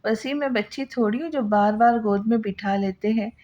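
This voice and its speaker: A woman reading the lines of a gentle, affectionate young wife. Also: on the high side, normal speed, dull audio, natural voice. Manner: soft, affectionate.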